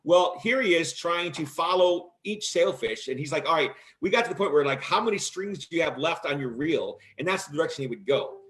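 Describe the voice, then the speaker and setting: A man hosting a casual chat show, telling stories in an animated way and acting out quotes loudly. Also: on the high side, a little fast, hardly any pauses. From Michigan, USA. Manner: animated, acts out quotes in a loud voice. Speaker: host.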